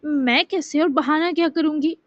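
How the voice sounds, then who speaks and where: A woman's voice: high-pitched, no echo, close to an everyday voice. A woman voicing a shy, sweet young woman in a bashful, pleading manner. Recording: dull dry lo-fi sound.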